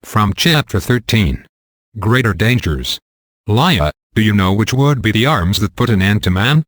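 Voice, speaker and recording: A man narrating an audiobook in a measured, unhurried reading. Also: lowish voice, expressive, no room sound.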